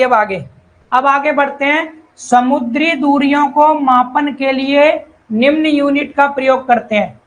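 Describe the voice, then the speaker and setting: In this online exam-prep class, a high-pitched male civil engineering tutor keeps saying each key term again and again, calling his students brother and child. He slowly reads definitions in English and follows with Hindi explanations. His tone is a bit bright, and the audio is rough.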